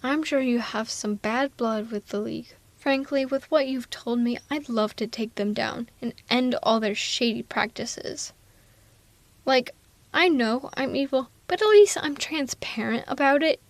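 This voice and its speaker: A woman with a voice on the high side speaks at a measured pace in a dry recording. Playing a protective, sardonic villainess for an ASMR roleplay, she coaxes one listener with wry, concerned persuasion.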